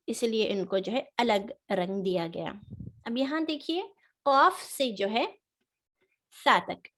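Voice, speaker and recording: A woman teaching a Quran reading lesson online. She explains patiently, with many fillers, and slowly demonstrates throat and tongue sounds. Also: medium pitch.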